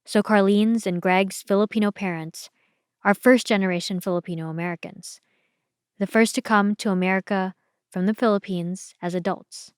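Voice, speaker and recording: A woman hosting a podcast, reading a scripted documentary narration in a measured, explanatory way. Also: mid-range voice, steady tone, clear, resonant tone, dry recording, studio quality. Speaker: podcast host.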